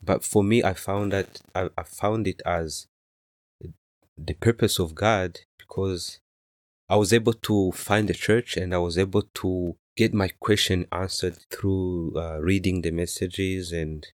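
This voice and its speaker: A man in his thirties from Rwanda, a native Kinyarwanda speaker, answers questions in a very low voice. He speaks softly and hesitantly, with frequent fillers and restarts. The sound is dry and close. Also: steady tone, unhurried, no echo. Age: 30s. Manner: soft-spoken, hesitant, many fillers. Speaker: interview guest. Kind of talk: casual interview answers.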